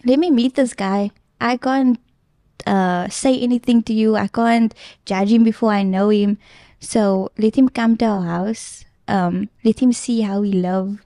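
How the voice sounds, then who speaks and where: A woman's voice: mid-range voice, steady tone, a little slow, dark tone, no room sound, studio quality. A young woman guest earnestly retelling a personal story in casual chat, with plenty of filler ums. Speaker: podcast guest.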